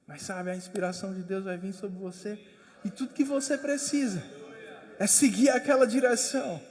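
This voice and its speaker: A man's voice: very high voice, creaky, long reverb tail. A man preaching a sermon as pastor, with emphatic, repetitive exhortation. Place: church.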